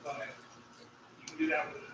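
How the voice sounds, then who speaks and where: A man casually explaining a machine setup to someone beside him, pointing out details. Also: fairly quick. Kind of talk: casual shop-floor explanation. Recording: distant, roomy, very noisy video audio.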